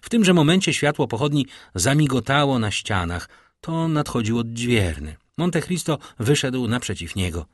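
A man reading a classic novel aloud as an audiobook narrator, in a steady, measured way. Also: medium pitch, dry recording, studio quality.

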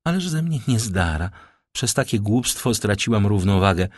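A man reading an audiobook, voicing a timid, gentle young woman who speaks shyly and softly in a husky voice. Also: on the low side, very animated, normal speed, no room sound, clean studio sound. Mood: dismissive. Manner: shy, soft-spoken.

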